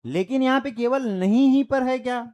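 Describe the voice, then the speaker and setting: A man's voice: extremely high pitch, normal speed, warm tone, muffled recording. A man teaching a grammar lesson for exam preparation, explaining by repeating examples and quizzing his students. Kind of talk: exam-prep grammar lecture.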